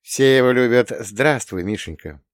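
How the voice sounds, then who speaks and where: A man's voice: medium pitch, lively intonation, normal speed, dry recording, studio quality, pitched above the performer's own voice, close to an everyday voice. A man voicing a proud mother in her fifties who teases in a mock-indignant way. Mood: joking.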